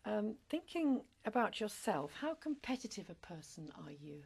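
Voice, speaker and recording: A woman conducting a spoken language exam, reading out questions and instructions in a formal, measured tone. Her voice is gravelly with a husky edge. She stays polite and even throughout. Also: mid-range voice. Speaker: speaking test examiner.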